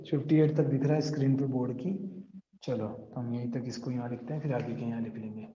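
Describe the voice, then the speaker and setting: Indian guy teaching online class, hurrying the kids along, very dark muffled voice, dull lo-fi sound. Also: medium pitch, fairly even intonation, quick pace. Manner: urging students to hurry, Hindi mixed with English. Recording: dull echoey room sound.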